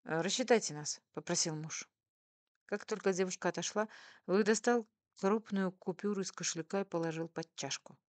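A woman's voice: on the low side, moderate pace, no echo. A woman narrating a first-person story in a playful, teasing manner. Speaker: audiobook narrator.

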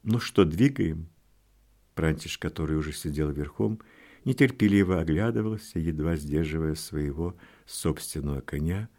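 A man narrating an audiobook in a steady, measured reading. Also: rumbling low, gravelly. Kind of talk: scripted narration.

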